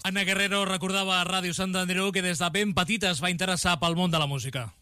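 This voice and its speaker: A man reading a local radio news report in a measured, scripted way. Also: high-pitched, fairly even intonation, pushed and bright, no echo, studio quality. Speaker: news presenter.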